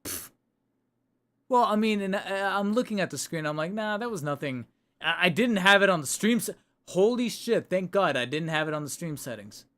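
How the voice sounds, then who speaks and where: Streaming casually from a room at home into a desk microphone, this man talks in a high, expressive voice with a fairly bright tone at a moderate pace. He rambles, chats, and keeps correcting himself, and his voice grows tired as he goes.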